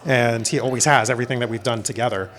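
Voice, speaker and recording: A middle-aged American film director from Florida speaks quickly in a mid-range, fairly bright voice. He's an interview guest chatting casually on a panel and sharing personal stories.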